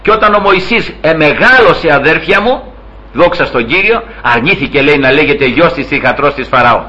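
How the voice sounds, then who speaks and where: Man preaching, kinda high bright voice, keeps saying brothers, dull lo-fi sound. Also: lively intonation. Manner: keeps addressing the listeners as brothers; emphatic, repeats phrases and acts out quoted speech. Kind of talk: sermon.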